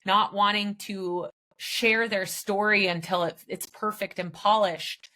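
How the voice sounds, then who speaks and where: In a motivational podcast interview, a woman business founder appears as a guest and talks about mindset in a casual yet emphatic way, letting a light swear slip now and then. Her mid-range voice is sharp and steady, delivered at a measured pace.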